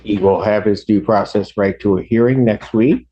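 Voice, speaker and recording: A man speaking as a judge, giving rulings from the bench in a formal, deliberate way. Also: lowish voice, dark tone, muffled recording.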